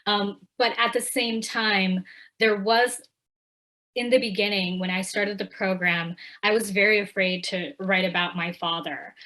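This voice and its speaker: A woman's voice: mid-range voice, steady tone, unhurried, pushed and bright, poor audio. A young adult woman from Ecuador, talking reflectively as an author guest in a casual interview. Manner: reflective, frequent fillers, quoting others animatedly.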